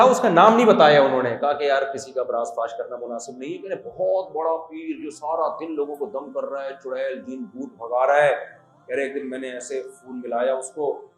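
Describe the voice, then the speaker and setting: A man gives a humorous religious lecture, telling stories with jokey asides to an audience of students. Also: mid-range voice. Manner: storytelling, jokey asides, quoting voices. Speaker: religious scholar giving a talk. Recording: echoey hall, faint music.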